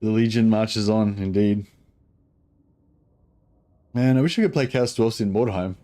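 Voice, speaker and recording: A man's voice: on the low side, unhurried, warm tone. A man with a broad New Zealand accent giving casual gameplay commentary in a laid-back, sweary, rambling way. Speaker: gaming streamer.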